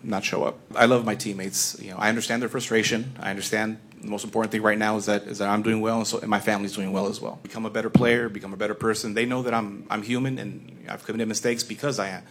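A man speaking as a live interpreter, translating a player's answers in first person at a press conference with halting restarts. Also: on the low side, level tone, fairly bright tone, a little hiss or hum. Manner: halting restarts while rendering speech.

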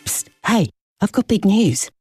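A woman's voice: mid-range voice, big pitch swings, unhurried, darkish tone, slightly rough, dry recording, studio quality, soft background music, full character voice. A woman playing a chatty, wry everyday character in an acted radio advert dialogue. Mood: excited.

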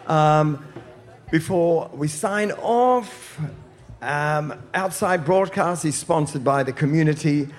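Upbeat radio presenter, a fairly high-voiced man. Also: slow pace. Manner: enthusiastic, hyping the audience. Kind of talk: live radio interview. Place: outdoor festival live broadcast.

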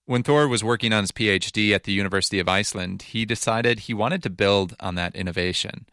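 A man's voice: lowish voice, quick pace, sharp tone, no echo, studio quality. A man narrating a scripted news feature in a conversational, explanatory way. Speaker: reporter narrating.

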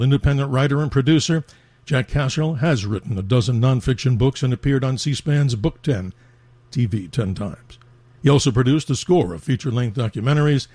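A male talk radio host, from the New York area, speaks into a close studio mic with no room sound. His voice is a touch husky and mid-pitched. He delivers in an effusive, promotional announcer style. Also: mellow, no echo. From New York metro area. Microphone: studio microphone.

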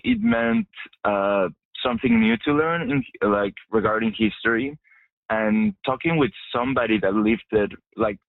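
Hesitant low-voiced young man on a phone line. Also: gravelly, no room sound. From Mexico. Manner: hesitant, many fillers and restarts. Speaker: journalism student. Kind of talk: radio interview. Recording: dry, tinny phone-like line.

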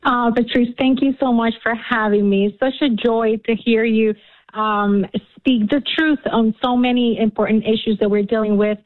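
A woman's voice: a little high, fairly even intonation, normal speed. A woman from Cuba, a radio show guest, talking earnestly and passionately with many fillers. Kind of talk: radio interview. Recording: tinny phone line.

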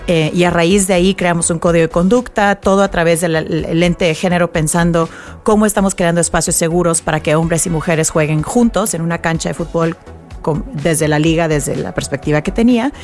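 A woman from Mexico with a Mexican accent, speaking as a guest on a radio interview, thoughtful and unhurried, with many fillers. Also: on the low side, fairly even intonation, darkish tone, soft background music. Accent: Mexican Spanish. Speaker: guest, nonprofit executive director.

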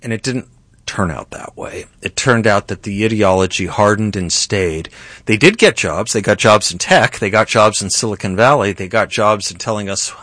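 A middle-aged male talk show host with a fairly low voice, delivering political commentary with emphatic, sometimes indignant energy. The sound is dry and close, with no room around it. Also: moderate pace, fairly bright tone, dry recording. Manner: emphatic, rising to indignant outbursts.

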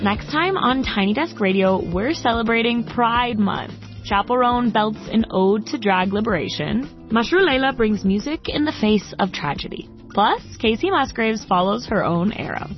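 A woman's voice: a little high, animated, moderate pace. A woman hosting a music radio show, giving an upbeat scripted promo for the next episode, heard through a tinny radio.

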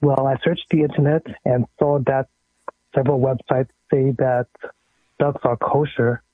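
Male radio caller, phone-line sound, husky, polite, careful question. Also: medium pitch, little pitch movement, measured pace, no echo. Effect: phone line call-in voice. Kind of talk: call-in question to a radio show.

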